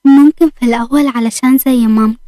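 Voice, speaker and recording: A woman voicing a gentle young wife in an Egyptian Arabic story, explaining herself in a soft, earnest way. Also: on the high side, fairly even intonation, fast talker, no echo, faint music behind, lightly acted. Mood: pleading.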